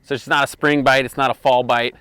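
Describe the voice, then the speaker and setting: A man hosting a fishing show, chatting casually from a boat on a lake and getting excited as fish come in. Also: mid-range voice, a little fast, clear, resonant tone, dry recording. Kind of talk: casual on-the-water fishing commentary.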